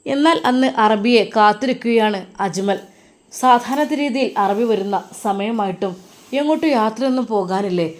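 A woman's voice: fairly high pitch, moderate pace. A woman narrating a moral story in an emotive, earnest storytelling manner.

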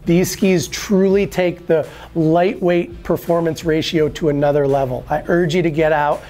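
A brand presenter in his forties gives an upbeat, scripted product walkthrough in an indoor ski shop showroom, gesturing at the skis as he explains. His voice is a little high and mellow, with fairly even intonation and a moderate pace. He's on a lapel mic, with faint music behind.

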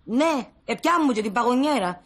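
An actress playing a chatty, stubborn Cypriot wife in a sitcom, speaking Cypriot Greek with animated, whiny complaints. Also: female voice, on the high side. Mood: gossiping. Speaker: Christina, comic wife in a sitcom.

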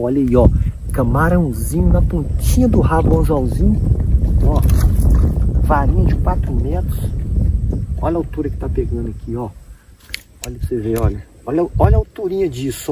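Excitable Brazilian fisherman, far from mic. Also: mid-range voice, moderate pace, pauses often. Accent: Brazilian Portuguese. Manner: excitable, exclaims loudly, repeats phrases. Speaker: fishing vlogger. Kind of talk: excited on-the-spot narration to viewers. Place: outdoors at a riverbank. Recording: distant mic with outdoor noise.

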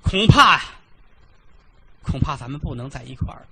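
A man's voice: mid-range voice, sing-song, normal speed, vocal fry, sharp tone, husky, voice pushed down, full character voice. A male storyteller voicing a young man who has killed someone and pleads earnestly before fleeing. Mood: pleading. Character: boastful, then frightened young male fugitive.

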